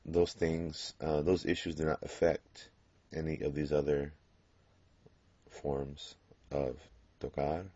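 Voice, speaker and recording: A man teaching a Spanish grammar lesson, explaining patiently and pausing on fillers as he works through examples. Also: rumbling low, monotone, mellow, no room sound. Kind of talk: classroom grammar lecture. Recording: dull lo-fi classroom recording.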